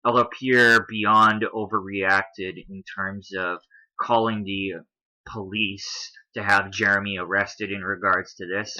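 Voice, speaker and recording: A man's voice: fairly low pitch, flat delivery, slow, sharp tone, poor audio. A man giving casual explanatory commentary over images, walking through his points one at a time, spelling out letters and often adding "if you will". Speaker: video commentator.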